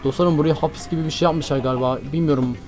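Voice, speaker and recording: A man's voice: fairly high pitch, steady tone, rapid-fire, music in the background. A man giving frantic gameplay commentary, repeating himself and talking straight to his viewers as friends. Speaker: Minecraft gameplay streamer.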